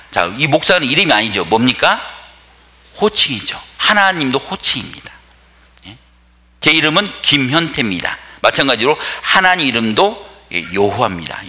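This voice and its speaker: A male pastor preaches with a forceful, bright voice and a lively pitch. He jokes and keeps asking the audience questions. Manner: joking, asks the audience questions. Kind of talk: sermon.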